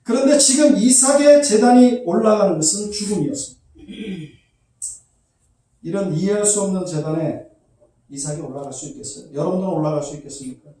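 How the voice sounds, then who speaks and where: A male pastor preaches with a high but mellow voice that rings through a very echoey church hall. He sounds a little removed from the mic, as if it were set some way off in the room. He keeps putting questions to the congregation and slips into the voices of the people in the story. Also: lively intonation, brisk, pauses often, far from the mic. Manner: acts out quoted voices, asks the congregation questions. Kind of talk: sermon.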